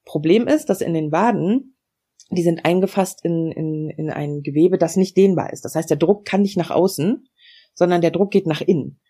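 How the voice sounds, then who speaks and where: Frank, matter-of-fact woman with a mellow, husky voice. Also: fairly low pitch, moderate pace. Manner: frank, matter-of-fact explanations with frequent fillers. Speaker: interview guest. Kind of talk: personal storytelling in a podcast interview.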